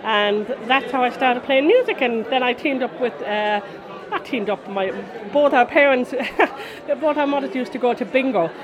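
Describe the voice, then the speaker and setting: This interviewee is a woman in her forties, a folk musician from Connemara in the west of Ireland, who chats and wanders through stories in a relaxed interview. Her voice sits high at a normal speed, and a post-concert crowd murmurs busily behind her.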